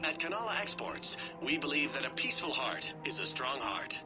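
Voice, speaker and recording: A man voicing a shop announcer, giving a smooth, courteous store announcement for a video game. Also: a little high, sing-song, moderate pace, music in the background.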